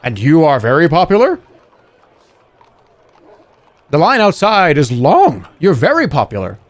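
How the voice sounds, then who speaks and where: Male game streamer: slightly high voice, lively theatrical reading of adventure narration. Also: moderate pace, no room sound. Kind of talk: reading game narration aloud, playful livestream.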